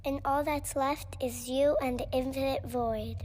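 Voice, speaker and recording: A woman's voice: sits high, fairly even intonation, unhurried, a little mellow. A woman voicing a small, cheerfully morbid cartoon creature in a sweet singsong. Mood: cheerfully bleak.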